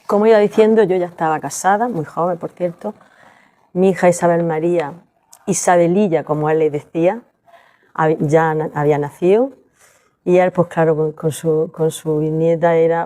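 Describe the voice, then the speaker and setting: Older woman, halting storyteller. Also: lowish voice, warm tone. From Spain. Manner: halting, with many restarts and fillers. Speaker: storyteller at a library event. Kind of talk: personal storytelling to an audience.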